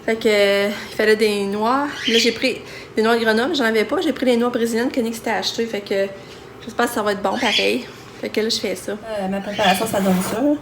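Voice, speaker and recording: A woman's voice: on the high side, fairly even intonation, brisk, background noise. A young woman with a Quebec French accent, casually narrating a home vlog and chatting with her toddler. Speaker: mother vlogger. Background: background music.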